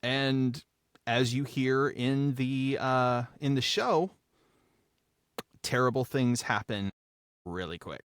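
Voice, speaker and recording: A show creator and writer chats casually about behind-the-scenes details on a podcast, effusive and enthusiastic, repeating phrases for emphasis. His medium-pitched voice is a bit bright, clear and resonant, and he speaks slowly with long pauses. The recording is dry and studio quality.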